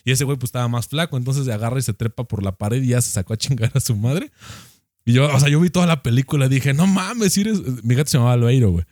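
A young man with a Mexican accent telling a profane, animated anecdote in casual chat. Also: medium pitch, racing, no echo, clean studio sound. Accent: Mexican Spanish.

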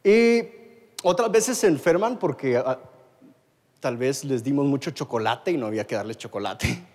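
A man's voice: mid-range voice, lively intonation, normal speed, darkish tone. A man in his thirties with a Guatemalan accent, preaching a story-driven sermon to a live congregation and the online audience, often repeating and restarting words. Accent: Guatemalan Spanish. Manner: storytelling, with many repetitions and restarts.

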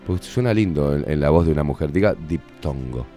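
A man's voice: rumbling low, lively intonation, a little fast, mellow, faint music behind. A man with a Rioplatense accent hosting a casual radio show, joking, crude and teasing. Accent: Rioplatense Spanish. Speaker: radio host.

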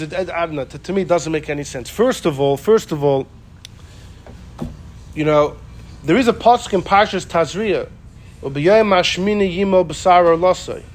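A man teaching an informal Torah class, animated, often repeating himself and acting out the people he quotes. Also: high voice, normal speed, long pauses, slight background noise. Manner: animated, acts out quoted speakers, repeats phrases.

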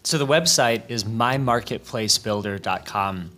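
A man's voice: on the low side, unhurried, sharp tone, faint music behind. A man hosting a podcast interview in casual, effusive, informal chat.

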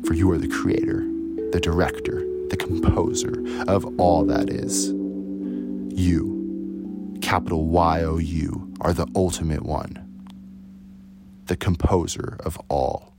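A man hosts a guided meditation, a solemn spiritual monologue built from short, emphatic, repeated phrases. His low voice stays steady, slow and full of pauses, with loud instrumental music playing underneath.

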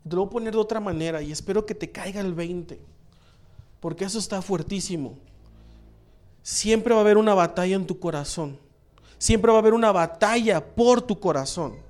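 Man, high voice, pastor, sermon, emphatic, repeats key phrases.

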